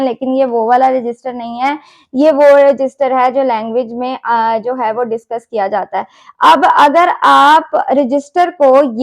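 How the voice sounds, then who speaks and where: A woman with a Pakistani Urdu accent teaches English in a recorded lecture, explaining concepts, mixing in English terms and posing rhetorical questions. Her voice is high-pitched and a little mellow.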